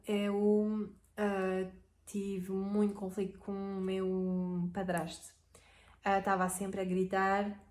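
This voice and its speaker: A woman's voice: medium pitch, darkish tone. A woman giving casual relationship advice, hesitant and often searching for words. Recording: echoey room.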